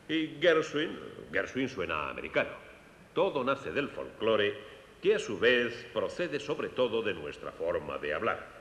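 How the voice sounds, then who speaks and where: Dubbing a music lecture for young audiences, a slightly bright-voiced man with a Castilian accent presents a children's concert, explaining like a teacher and speaking straight to the kids. An echoey hall adds long reverb and a faint rumble.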